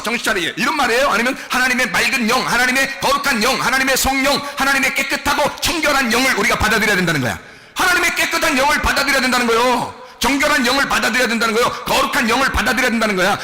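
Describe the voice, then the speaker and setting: Man preaching, high bright voice, lively pitch swings, long hall reverb. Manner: animated, asks the congregation questions, mixes casual and polite speech. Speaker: pastor. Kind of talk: sermon. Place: church sanctuary.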